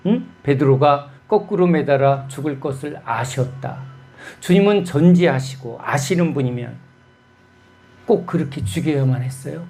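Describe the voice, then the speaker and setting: A man's voice: mid-range voice, a little mellow. A man preaching a sermon as pastor, telling stories and putting rhetorical questions to his congregation.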